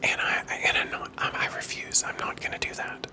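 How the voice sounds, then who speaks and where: An ASMR creator whispers very close to a wireless microphone in a casual, rambling and candid vlog chat, breathy and occasionally soft-spoken. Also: brisk. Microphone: clip-on wireless microphone, held close.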